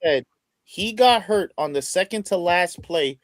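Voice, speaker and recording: A man co-hosting a sports podcast in casual chat, indignant and rapid with his questions. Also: high-pitched, lively intonation, no echo. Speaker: podcast co-host.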